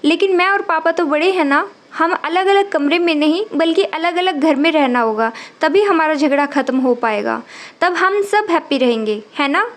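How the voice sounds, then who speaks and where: A frustrated young wife and mother who answers her husband with sharp reproach, voiced by a woman reading a storybook. Her voice is high and light. It stays close to the narrator's own plain tone. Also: lively intonation, moderate pace. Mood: gentle.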